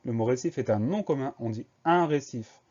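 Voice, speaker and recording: A man teaching a spelling lesson for young schoolchildren, going slowly and spelling each word letter by letter. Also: mid-range voice, animated, darkish tone, lo-fi sound. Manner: slow, spells words letter by letter.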